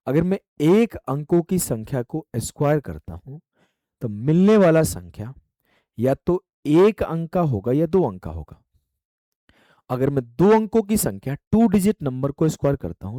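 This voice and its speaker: A man's voice: a little high, mellow, dry recording. A man teaching math in an online exam-prep lecture. He speaks straight to his students, asks them questions, and voices their answers back.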